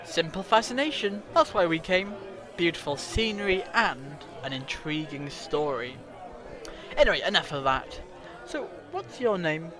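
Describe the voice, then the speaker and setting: A man acting an eccentric, curious time-travelling alien adventurer in a fan audio drama, telling things theatrically with dramatic pauses. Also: on the high side, animated, crowd noise. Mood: cheerful, curious.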